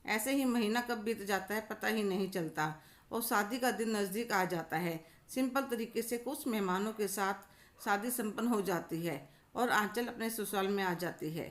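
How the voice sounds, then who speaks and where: Woman narrator, calm storytelling, mid-pitched, steady. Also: normal speed.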